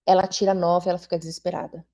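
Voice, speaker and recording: A woman's voice: fairly low pitch, flat delivery, fast talker, mellow. A middle-aged woman, an invited educator, talking to parents in a conversational way with frequent tag questions. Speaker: invited school supervisor and educator. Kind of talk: talk to parents at a meeting.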